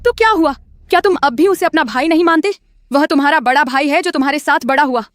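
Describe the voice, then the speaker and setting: Woman as indignant mother, high voice, dubbed drama. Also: fast talker, no echo, clean studio sound, close to an everyday voice. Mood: scolding. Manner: scolding, indignant. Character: doting middle-aged mother, defends adopted son. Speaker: dubbing actor.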